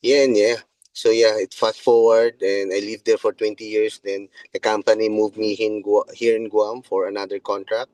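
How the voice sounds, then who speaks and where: A man's voice: on the low side, level tone, normal speed, a little mellow, no room sound, poor audio. A middle-aged man with a Filipino accent, talking loosely as an interview guest, with many restarts. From Philippines. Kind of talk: casual interview.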